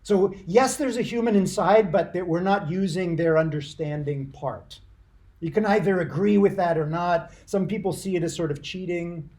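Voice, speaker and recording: Giving a university lecture, a man with a notably high voice for a male speaker, darkish in tone, explains things deliberately. He repeats points for emphasis and puts questions to his class.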